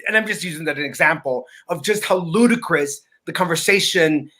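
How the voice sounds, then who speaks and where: A man's voice: on the high side, a little fast, bright, forceful tone. A man speaking as a guest in a conversational talk, earnest and emphatic, often repeating words as he starts a sentence.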